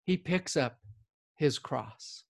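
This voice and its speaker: A man's voice: a little high, animated, slow pace, vocal fry, no room sound, studio quality. A male pastor giving a sermon as conversational storytelling, often checking in with "right?".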